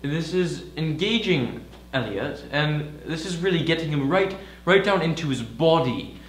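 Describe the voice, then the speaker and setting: Earnest man coaching voices, lively pitch. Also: unhurried, reverberant, a little hiss or hum, low-quality recording. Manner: earnest, explanatory, instructing. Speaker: voice coach in a documentary spoof. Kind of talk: mock documentary demonstration.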